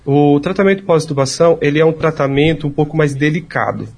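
A man's voice: fairly high pitch, fast talker, darkish tone, breathy edge. A man, a speech therapist patiently explaining treatment step by step in an interview.

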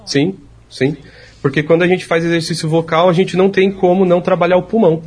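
A man's voice: high voice, flat delivery, fairly quick, a little mellow, husky. A man, a speech therapist patiently explaining treatment step by step in an interview.

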